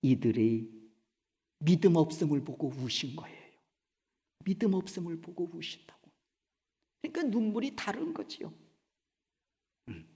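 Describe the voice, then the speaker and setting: A man preaching a Sunday sermon as pastor in a church sanctuary. He swings between loud cries and hushed whispers and asks the congregation questions. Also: a little high, lively intonation, measured pace, vocal fry, pauses often. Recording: reverberant church hall.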